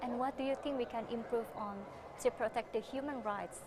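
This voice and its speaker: A woman's voice: on the high side, fairly even intonation, brisk. A woman TV host with an Indonesian accent asking formal, short interview questions. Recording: noisy background hiss.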